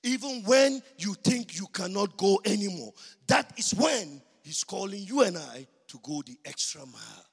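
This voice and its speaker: A man preaching a sermon as a pastor, slow and drawn out, rising into loud shouting and short of breath. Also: sits high, very animated, vocal fry, husky. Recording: long hall reverb.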